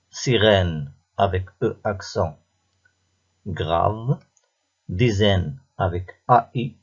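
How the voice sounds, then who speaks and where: Slow, gravelly low-voiced male teacher. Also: highs cut off. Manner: patient, repeats each answer step by step. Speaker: primary school teacher. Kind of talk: slow classroom phonics lesson.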